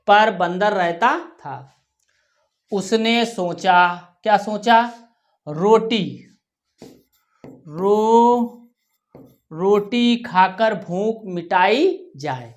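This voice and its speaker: A woman teaching young children in a slow, unhurried voice. She says each word and then says it again so the class can repeat after her. Her pitch sits in an ordinary middle range, and she often checks in with the class between tasks. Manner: talks children through writing tasks, often ending with "ठीक है". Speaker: primary school teacher. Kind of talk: Hindi workbook lesson for young children.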